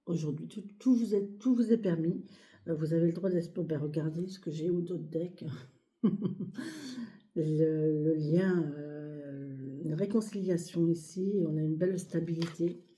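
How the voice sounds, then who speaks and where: A hoarse, short-of-breath woman speaking softly and hesitantly with many fillers as she reads cards in a casual video. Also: low-pitched, unhurried. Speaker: card reader. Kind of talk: casual tarot reading video. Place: home, near a sleeping child, outdoor birds.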